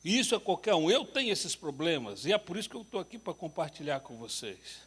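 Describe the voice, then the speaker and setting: A man's voice: a little high, very animated, fairly quick, fairly bright tone, breathy edge. A man teaching a couples workshop at church, telling humorous, self-deprecating stories. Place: church hall. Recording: reverberant church hall.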